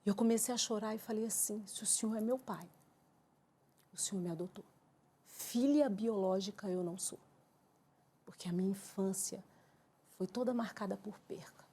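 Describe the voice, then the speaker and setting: A Brazilian woman giving an emotional church testimony, telling her story with lively acted-out dialogue. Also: mid-range voice, normal speed, long pauses, husky. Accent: Brazilian Portuguese. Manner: animated storyteller acting out her own quoted dialogue.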